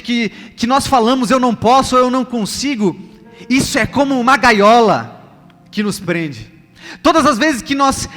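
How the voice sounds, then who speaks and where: In a large church hall, a man with a Brazilian accent preaches live to his congregation in a very high, bright, forceful voice. He is emphatic and repetitive and keeps putting rhetorical questions to the listeners. The recording has long hall reverb with music underneath.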